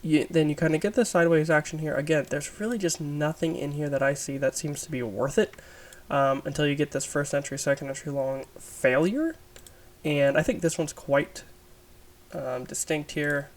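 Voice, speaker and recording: A man with a raspy, under-the-weather voice gives an informal, explanatory chart review as an instructor, thinking aloud as he goes. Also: a little high, moderate pace. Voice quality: raspy, smoker's-rasp sound. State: sick, raspy voice. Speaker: trading instructor.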